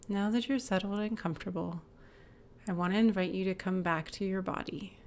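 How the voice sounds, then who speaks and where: Slow, gravelly-voiced woman guiding meditation. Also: mid-range voice. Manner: calm, gentle, inviting, drifts into soft whispers. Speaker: guided exercise instructor. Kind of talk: slow guided body-awareness meditation.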